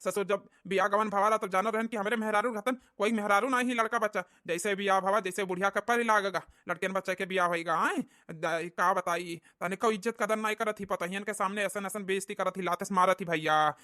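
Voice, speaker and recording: Someone voicing a whiny old village husband, bright tense voice, super dry sound. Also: medium pitch, fairly even intonation, fairly quick, few pauses, no room sound, close to an everyday voice. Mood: complaining. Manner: complaining, plaintive. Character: aggrieved old village husband, self-pitying. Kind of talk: cartoon comedy voice acting.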